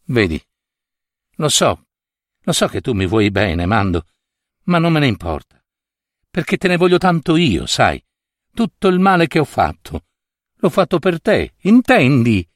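A man's voice: mid-range voice, wildly swooping pitch, unhurried, pauses often, no echo. A man voicing a desperate young woman who pleads passionately with her lover, in a dry close reading. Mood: tender.

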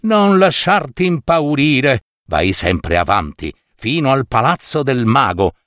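A man voicing a kindly fairy in a fairy tale, speaking gently and slowly. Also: medium pitch, big pitch swings, dry recording, clean studio sound. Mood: gentle. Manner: gentle and slow.

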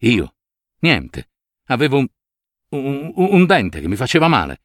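A man's voice: mid-range voice, huge pitch swings, a little slow, no room sound. A cranky notary with a throbbing tooth snaps and rants, his voice swinging widely up and down, as a male narrator puts him on. The sound is close and dry, with no room around it. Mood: flustered. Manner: irritable, shouting in exasperation. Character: grumpy middle-aged male notary with toothache.

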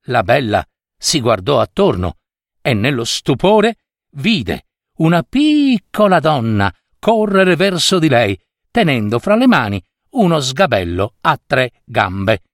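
Animated male fairy-tale narrator. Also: medium pitch, takes it slowly, dry recording, clean studio sound. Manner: expressive storytelling cadence. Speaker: storyteller.

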